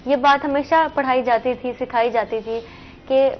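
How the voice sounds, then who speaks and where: A woman's voice: sits high, steady tone, unhurried, dull audio, slight background noise. A woman hosting a regional TV morning show, affirming her guest often and steering the conversation. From Pakistan. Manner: affirming, interjects agreement often.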